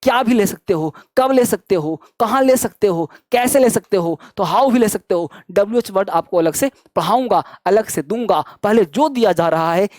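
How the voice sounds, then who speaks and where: A man's voice: sits high, expressive, darkish tone, no echo, clean studio sound. Emphatic man drilling spoken English. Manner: emphatic and urging, repeats phrases rhythmically and drills example sentences; slows to a deliberate, syllable-by-syllable pace when modelling sentences. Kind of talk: energetic online grammar lesson with call-and-response drills.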